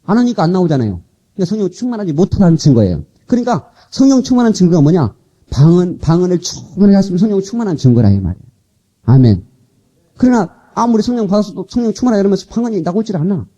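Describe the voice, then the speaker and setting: A Korean man preaching a revival sermon as pastor, animated, coaxing and scolding his congregation, heard from an old cassette tape transfer. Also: high voice, rapid-fire, highs cut off. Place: church sanctuary.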